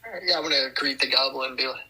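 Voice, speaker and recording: A man with a raspy, gravelly voice talks through his moves in a tabletop game. He is hesitant, and his bright, tense tone comes through a lo-fi, radio-like line. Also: mid-range voice, racing. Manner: hesitant, with many fillers. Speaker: player. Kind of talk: casual chat.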